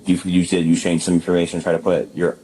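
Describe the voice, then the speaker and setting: A police officer, a man with a low voice, fires off blunt, skeptical questions at a quick pace, picked up by a bodycam. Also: completely flat delivery, a crowd in the background, low-quality recording.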